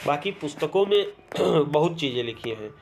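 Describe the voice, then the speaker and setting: A man teaching an exam-prep grammar lesson. He reads rules aloud, lists letters one by one and keeps asking whether it is clear. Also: fairly high pitch, lively intonation, moderate pace, a little mellow, a little hiss or hum. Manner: explains step by step, often checks "clear?".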